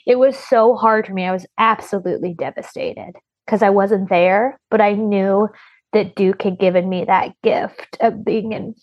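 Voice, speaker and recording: A woman's voice: medium pitch, steady tone, normal speed, dry recording, lo-fi sound. A woman guest on a podcast, telling a personal story in a rambling, chatty way with many restarts.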